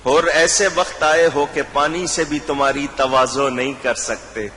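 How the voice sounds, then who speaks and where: Impassioned preacher in a reverberant hall. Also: male voice, steady tone, slight background noise. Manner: impassioned, swells to loud cries then drops low. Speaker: religious scholar. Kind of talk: sermon storytelling. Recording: hall reverb with faint ambience.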